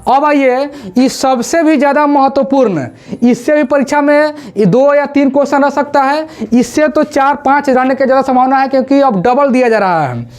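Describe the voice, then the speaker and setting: Grammar teacher, female, high voice, slow drilled pronunciation for exam prep. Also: a little mellow. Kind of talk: exam-prep classroom lesson. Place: classroom with a board.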